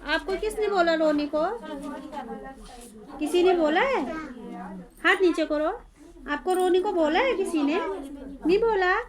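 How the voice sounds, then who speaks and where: A woman's voice: very high-pitched, a little slow, long pauses, crowd noise. A woman tutoring a small child, talking in a coaxing way and repeating simple questions. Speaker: home tuition teacher.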